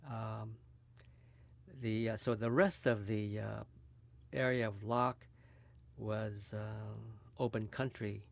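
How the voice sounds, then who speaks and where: Slow, gravelly man in his eighties. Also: on the low side, little pitch movement. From California. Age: 80s. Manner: hesitant, many fillers. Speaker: interviewee. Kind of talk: oral history recollection. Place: recording booth.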